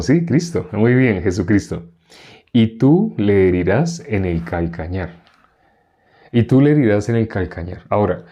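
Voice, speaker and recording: A man's voice: on the low side, warm tone. A man teaching an interactive Bible class. He repeats verses and keeps asking the group questions. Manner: repeats verses slowly, chuckling now and then.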